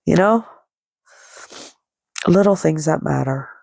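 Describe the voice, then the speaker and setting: A middle-aged podcast host with a head cold speaks nasally in a low, gravelly, mellow voice at a slow pace. Rambling and conversational, she tells a personal story casually and quotes dialogue as she goes, lying down indoors with a dry, close, echo-free sound.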